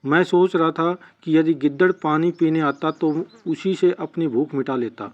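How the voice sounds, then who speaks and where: A man's voice: on the high side, moderate pace, close to an everyday voice. A man doing a greedy hungry crocodile. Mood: pleading. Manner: pleading, wheedling to his friend. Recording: dull lo-fi recording.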